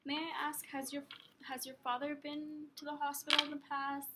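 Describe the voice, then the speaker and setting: A woman's voice: high-pitched, little pitch movement, moderate pace. A young woman in a role-played telephone counselling interview, asking questions tentatively and checking she has understood. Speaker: counsellor intake worker in a practice role play. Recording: clear background noise, room ambience.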